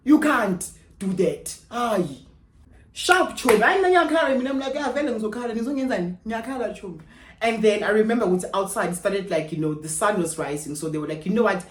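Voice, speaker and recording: Young woman, South African accent, expressive storytime, English mixed with Zulu, roomy echo. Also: mid-range voice, fairly quick. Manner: expressive, mixes English with Zulu, swings between loud and hushed. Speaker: YouTuber. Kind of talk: animated storytime.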